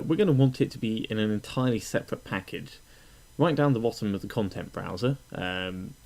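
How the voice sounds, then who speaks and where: In a low voice, a man talks through a relaxed, step-by-step software tutorial. His tone is explanatory and chatty, and he frequently stops with uhs.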